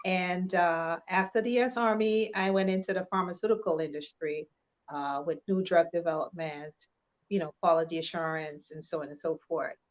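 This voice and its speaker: A woman from Trinidad and Tobago, a guest in an interview, speaking in a measured, sincere way with frequent pauses. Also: on the low side, steady tone, highs cut off. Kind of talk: personal testimony in an interview.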